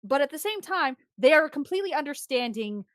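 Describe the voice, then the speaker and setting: A woman streamer casually retelling a story, animated and rambling, often restarting her sentences. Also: sits high, brisk, no echo, clean studio sound.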